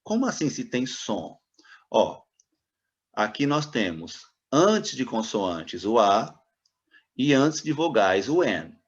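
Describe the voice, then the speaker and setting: A man's voice: mid-range voice, very animated, slow pace. A man teaching English grammar, patiently repeating example words and asking the viewer rhetorical questions. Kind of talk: classroom explanation of grammar. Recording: dull, slightly lo-fi sound.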